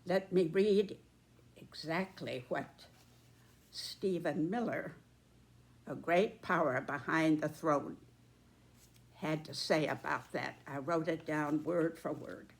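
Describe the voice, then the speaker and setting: Really old lady in her 90s doing commentary, talks super slow n deliberate, bit of a low voice, short emphatic phrases. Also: gravelly. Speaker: political commentator. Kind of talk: prepared spoken commentary.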